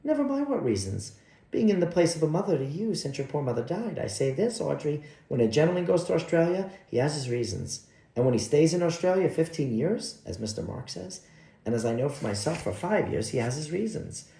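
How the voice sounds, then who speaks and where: A man's voice: on the high side, very animated, a little fast, creaky, warm tone, reverberant. A man doing a prim older housekeeper. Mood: gossiping. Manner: placid, opinionated, rambling. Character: prim older woman, cook-housekeeper, dignified gossip.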